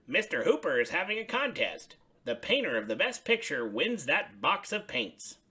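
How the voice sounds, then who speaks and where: A woman voicing a cheerful, encouraging male puppet buddy in a storybook, brisk and enthusiastic. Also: sits low, sing-song, fairly bright tone, slightly rough, pitched above the performer's own voice, exaggerated voice.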